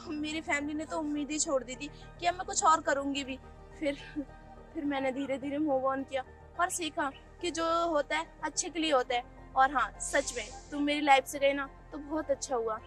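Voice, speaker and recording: A woman's voice: sits high, a bit bright. A young woman playing a poor, earnest young woman who reproaches her ex-boyfriend in a web skit. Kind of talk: Hindi web skit acting.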